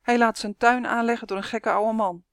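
A woman voicing a spoiled, hot-tempered young boy who shouts and shrieks in anger in a storybook reading. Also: fairly even intonation, a little fast, no room sound, clean studio sound, close to an everyday voice. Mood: furious. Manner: shrill, shouting, stamping tantrums.

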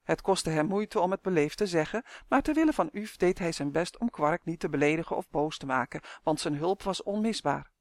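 A reader narrating a children's storybook in a steady, clear way. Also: medium pitch, fairly quick, dry recording, studio quality. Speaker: audiobook reader.

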